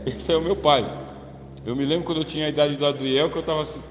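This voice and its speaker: A Brazilian male pastor preaches in a chatty, joking way, tossing questions out to his listeners. His voice sits a bit on the higher side for a man. The sound carries a long, roomy reverb from the church hall. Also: steady tone, fairly quick, background noise. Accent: Brazilian Portuguese. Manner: jokey, chatty, asks the audience questions. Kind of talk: humorous sermon-lecture.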